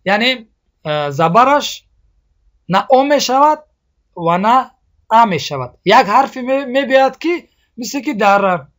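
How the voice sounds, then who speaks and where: A man with a Tajik accent teaching Quran recitation, drilling example syllables slowly and often asking his students if they see. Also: very high voice, big pitch swings, a bit bright. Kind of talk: explaining a lesson on vowel sounds.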